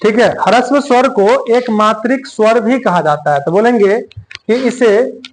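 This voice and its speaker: A male teacher giving a grammar lesson, dictating slowly and repeating phrases word by word. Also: sits high, a little hiss or hum.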